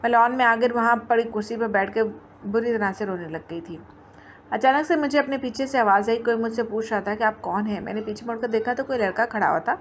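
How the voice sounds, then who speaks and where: A woman reading a first-person story aloud in a plain, steady way, with small restarts. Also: on the high side, slight background noise.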